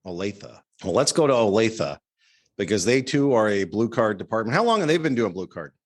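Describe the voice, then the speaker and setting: A man's voice: on the low side, big pitch swings, fairly quick. A man talking casually in a panel discussion, as a fire chief would among colleagues.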